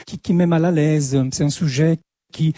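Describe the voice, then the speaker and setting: A native Italian speaker with an Italian accent lectures at a conference in French, often halting and repeating words while he searches for them. His voice is fairly high yet dark in tone, with fairly even intonation, recorded cleanly in a studio with no echo.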